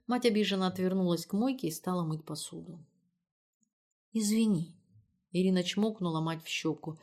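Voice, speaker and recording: A woman reading an audiobook in an even storytelling manner. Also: fairly low pitch, fast talker. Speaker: audiobook narrator. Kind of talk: scripted narration.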